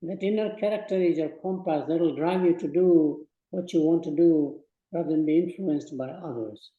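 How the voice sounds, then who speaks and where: A man's voice: fairly high pitch, normal speed, narrow, tinny audio. Man in his eighties in an echoey hall. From Burma. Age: 80s. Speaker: guest speaker. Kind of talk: speech to students.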